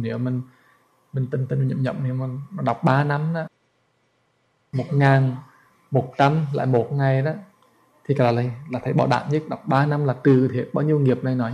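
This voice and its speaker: A man's voice: mid-range voice, vocal fry, a little mellow. A man, a Buddhist monk telling a story as a sermon in a colloquial, chatty way. He stumbles over repeated words and speaks straight to his listeners.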